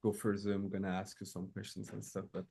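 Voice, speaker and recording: A man's voice: low-pitched, completely flat delivery, fast, creaky, dark tone, husky. A man with a French accent hosting a live-streamed interview, speaking enthusiastic, loosely worded English. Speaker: host.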